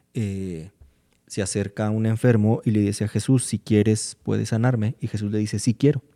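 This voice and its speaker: A man talks through his points in a calm, explanatory way, pausing often with fillers. His voice sits low and has a deep, mellow warmth. He sounds like a guest in an unhurried conversation about faith. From Mexico. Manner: measured, explanatory, pauses with fillers. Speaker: guest speaker.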